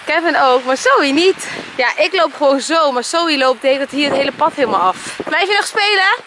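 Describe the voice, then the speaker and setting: A young woman chatting casually in a family vlog, quick to laugh and talking warmly with her family. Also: sits high, expressive, background noise. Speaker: vlogger. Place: holiday cottage and park.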